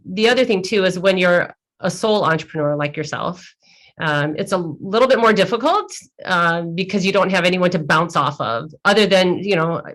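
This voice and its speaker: A woman's voice: lowish voice, a bit bright. A middle-aged woman guest telling a candid, emotional story in an interview, easily sidetracked. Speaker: guest entrepreneur.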